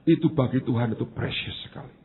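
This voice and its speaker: A middle-aged man, a pastor, preaching a sermon in an animated storytelling way, acting out dialogue and leaping up in pitch for emphasis, with English words dropped into his talk. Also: fast talker, creaky, breathy edge, phone-quality sound.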